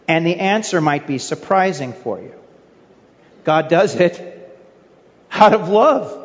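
A man's voice: high-pitched, big-room sound, highs cut off. A male pastor preaching a sermon in an earnest way, asking his listeners rhetorical questions. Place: church sanctuary.

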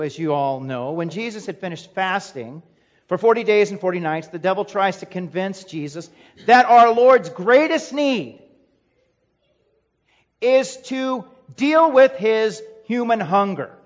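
A man preaches a sermon in an emphatic way, asking rhetorical questions and returning to a refrain. His voice is high for a man. The sound echoes with a long reverb through a dull, lo-fi recording. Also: expressive, measured pace. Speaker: pastor.

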